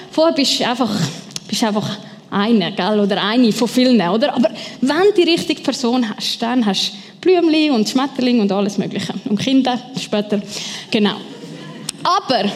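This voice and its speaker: A woman with a Swiss German accent preaching a sermon in a lively, playful way, acting out inner voices. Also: high voice. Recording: long hall reverb.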